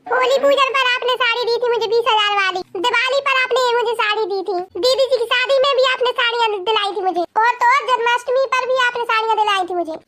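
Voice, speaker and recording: A woman's voice: very high-pitched, fast, hardly any pauses. A woman voicing a cheeky, sly young daughter-in-law in a cartoon. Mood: complaining. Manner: cheeky, teasing. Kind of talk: cartoon voice acting. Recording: loud background noise.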